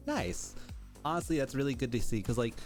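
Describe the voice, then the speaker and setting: A man's voice: mid-range voice, animated, brisk. Effusive man hosting, music underneath. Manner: effusive, wordy, frequent "like". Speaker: podcast host. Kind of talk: casual interview chat. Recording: music behind the voice. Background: background music.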